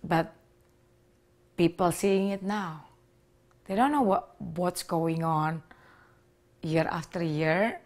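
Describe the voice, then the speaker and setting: An Indonesian woman in her thirties, speaking with an Indonesian accent, earnestly shares her personal story to camera with small grammar slips. Her voice is fairly low and a little mellow, and she speaks slowly with long pauses. She sits indoors in a living room with a leather sofa, wearing a lapel mic.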